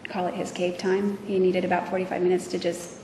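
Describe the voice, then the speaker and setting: A woman testifying as a witness, speaking hesitantly with many pauses and fillers, in a courtroom recording. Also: on the low side, little pitch movement, dark tone. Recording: echoey courtroom audio from far off with noise.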